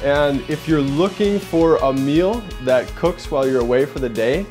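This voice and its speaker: A young man hosts a relaxed cooking demo in his home kitchen, talking through each step as he goes. His voice is a bit mellow and moves at a moderate pace, with faint music playing behind him. Chatty and upbeat, he throws in a "boom" while he works.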